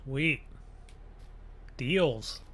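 A man's voice: mid-range voice, lively intonation, very slow, bright, forceful tone. A man chatting casually as a player in a video game role-play.

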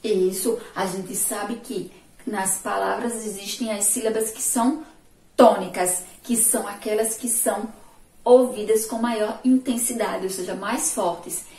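Slow patient Brazilian teacher, echoey room. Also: female voice, mid-range voice, steady tone, a little mellow. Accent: Sergipe Brazilian Portuguese. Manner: slow, drawn-out syllables, asks pupils questions and praises answers. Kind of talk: remote classroom lesson. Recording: echoey room, voice far from mic.

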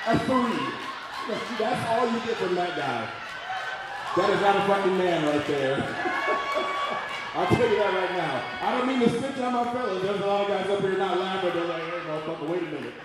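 A man's voice: high-pitched, lively intonation, moderate pace, very echoey, distant mic, over loud music, rough recording. A man doing a profane, rowdy stand-up comedy set on a club stage, talking straight to the crowd on a handheld mic. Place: comedy club stage before a live audience.

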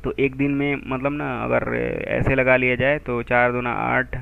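A man teaching a physics textbook chapter in chatty Hindi, reading English lines slowly and working sums aloud with many pauses and restarts, on a tinny phone-like recording. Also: mid-range voice, little pitch movement, gravelly. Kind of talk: textbook explanation lesson.

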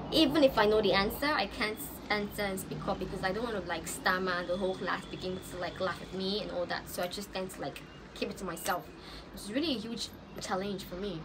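On a balcony high above the rooftops, a young Nigerian woman films a relaxed get-to-know-me vlog on her phone, her medium-pitched voice chatty and punctuated by stammers, repeats, and laughter. The sounds of the street are plainly heard in the background.

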